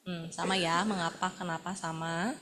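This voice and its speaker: A woman's voice: fairly low pitch, steady tone, normal speed, a bit bright, a little hiss or hum. A woman, leading a sign language workshop and calling out words one by one for participants to practice. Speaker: workshop facilitator.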